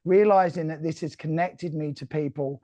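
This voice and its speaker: A man's voice: a little high, steady tone, moderate pace, mellow, dry recording. A man with a Cockney accent hosting a live online interview, talking in an earnest, reflective way with many restarts. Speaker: host. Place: remote call.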